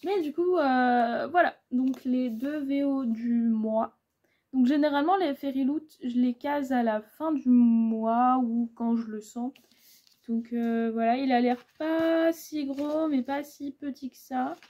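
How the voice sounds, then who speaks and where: A woman's voice: sits high, steady tone, slow, dark tone. A woman in her twenties chatting casually about her reading pile, rambling with lots of fillers. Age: 20s. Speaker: booktuber. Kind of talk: casual book haul chat.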